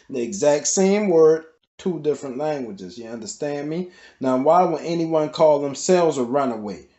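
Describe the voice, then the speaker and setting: Higher-voiced man. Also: warm tone. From southeastern United States. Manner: argumentative, colloquial, with rhetorical questions and repeated "all right?". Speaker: presenter. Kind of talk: casual, opinionated history commentary.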